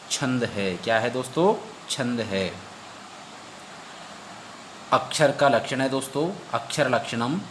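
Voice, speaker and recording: A man teaching an exam-prep lesson. He recites verses slowly and repeats each point as a question he then answers. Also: mid-range voice, fairly bright tone, slight background noise.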